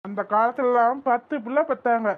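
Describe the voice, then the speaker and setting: Worried cartoon young mother, voiced by a woman, exasperated and fretful, high and tinny. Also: a little fast, natural voice.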